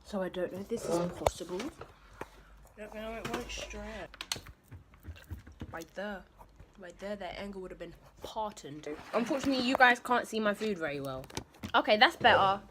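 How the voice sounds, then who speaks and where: A woman's voice: medium pitch, lively intonation, moderate pace, pauses often, background noise. A woman chatting candidly to her phone camera in her bedroom, rambling and talking while she eats. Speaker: vlogger. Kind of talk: casual vlog chat.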